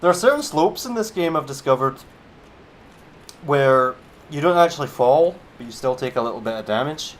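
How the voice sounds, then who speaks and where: A man's voice: medium pitch, animated, moderate pace. Laid-back man chatting over gameplay. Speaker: streamer. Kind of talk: casual gameplay commentary.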